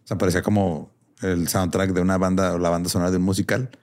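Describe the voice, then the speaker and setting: A young man with a Mexican accent chats on a podcast in a low, deep voice. He talks fast. He jokes a lot and uses plenty of slang. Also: flat delivery, a little mellow. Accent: Mexican Spanish. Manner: quick, slangy, joking. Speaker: podcast co-host. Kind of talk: casual chat.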